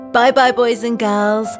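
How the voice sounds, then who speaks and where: Young woman, kids show host, lively swooping pitch, playful exaggerated teaching, slow repetition, light music behind. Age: young adult. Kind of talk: children's English vocabulary lesson with acted exercise skits. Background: children's music.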